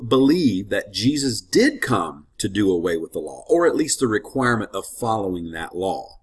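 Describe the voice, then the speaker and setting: Fairly low in pitch and husky, a man teaches the Bible casually in his role as a ministry teacher. His friendly, conversational talk is dotted with rambling asides, and he sounds a bit congested, sniffling now and then.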